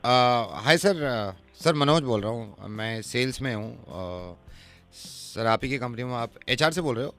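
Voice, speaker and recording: A man's voice: mid-range voice, animated, unhurried, fairly bright tone, faint music behind. A male radio host making a prank phone call, stubbornly insistent and repeating himself with mock innocence.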